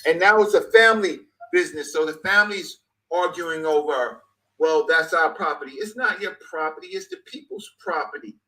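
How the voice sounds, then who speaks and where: Emphatic man, 50s, higher bright voice, repeats for emphasis. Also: moderate pace, rough recording. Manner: emphatic, repeats phrases for stress. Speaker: guest speaker. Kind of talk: passionate conversation.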